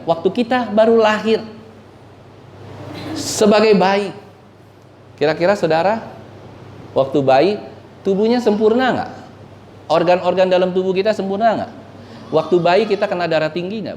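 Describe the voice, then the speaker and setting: A man's voice: high voice, normal speed, pauses often, darkish tone, a little hiss or hum. A male pastor preaching a conversational sermon, quizzing the congregation and joking with them. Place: church. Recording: echoey church hall.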